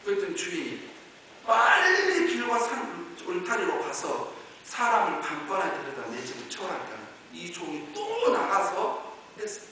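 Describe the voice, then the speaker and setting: A male pastor delivering a sermon in a bright, high, lively voice that swings from quiet explanation to shouting. He is picked up from far off in a big echoing hall with a long reverb tail. A faint hiss runs under the recording. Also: moderate pace.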